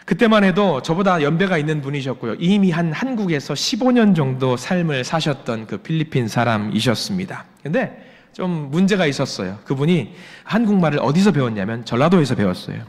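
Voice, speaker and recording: A man's voice: a little high, sing-song, brisk. A male pastor in his forties preaching a sermon, repeating rhetorical questions with emphasis. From Jeolla region, Korea. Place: church sanctuary. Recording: long church hall reverb.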